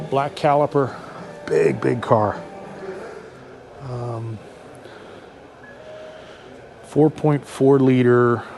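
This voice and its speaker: A man with an average-pitched voice gives an informal walk-through commentary. He speaks haltingly, working out what to say as he looks around. Faint everyday background noise sits behind his voice. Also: darkish tone. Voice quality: talking through a face mask indoors. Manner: halting, thinking aloud while looking around. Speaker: car vlogger giving a dealership walk-through. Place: car dealership, showroom then outdoor lot. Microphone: microphone with a furry windscreen. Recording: handheld vlog with background ambient noise.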